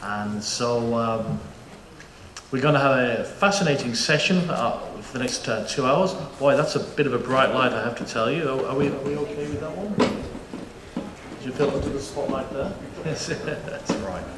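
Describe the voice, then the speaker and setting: A middle-aged British man, a panel moderator with a touch of something in his vowels, chats easily to a conference crowd at a moderate pace, joking and restarting sentences with plenty of fillers. His pitch is ordinary for a man. The presentation echoes through an auditorium over a faint hum of room noise.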